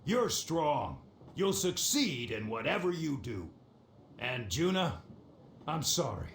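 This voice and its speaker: A commanding pirate captain in a game, higher male voice, echoey, very formal. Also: big pitch swings, slow, a little hiss or hum, exaggerated voice. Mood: solemn. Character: male pirate admiral, solemnly dictating his last will. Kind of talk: video game voice-over acting.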